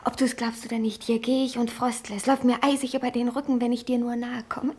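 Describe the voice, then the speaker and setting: An impulsive young merchant's daughter in a 1950s radio play. Her voice is high and breathy. She is ardent and headstrong, and often speaks in a hushed whisper. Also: flat delivery, fast. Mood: tender.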